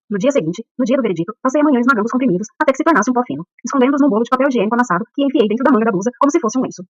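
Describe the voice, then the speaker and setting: A woman narrating a first-person audiobook thriller, reading steadily and quickly. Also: fairly high pitch, no room sound, muffled recording.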